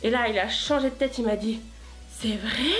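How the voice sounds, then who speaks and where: Une femme qui présente un vlog littéraire sur un ton de conversation détendue, bavarde et ponctuée d'hésitations. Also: female voice, a little high, quick pace, soft background music. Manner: chatty, many hesitations. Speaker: book vlogger. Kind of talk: casual vlog chat.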